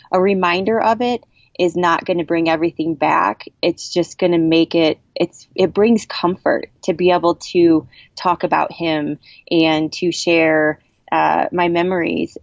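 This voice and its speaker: Guest woman, earnest and emotional, lower voice, halting speech, dull dry lo-fi recording. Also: no echo. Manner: earnest, halting, with frequent restarts; emotional, gets worked up. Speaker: podcast guest. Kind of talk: personal storytelling in a podcast interview.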